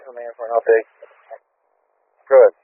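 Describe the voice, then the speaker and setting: A man's voice: mid-range voice, flat delivery, measured pace, no echo. A man giving matter-of-fact, informal fire and ambulance radio reports as a firefighter over a two-way radio. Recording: thin, tinny two-way radio transmission.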